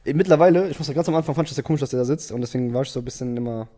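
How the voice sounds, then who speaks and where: A young man co-hosting a casual chat podcast, slangy and quick to jump between topics. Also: mid-range voice, crowd noise. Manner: slangy, jumps between topics, laughs often. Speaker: podcast co-host.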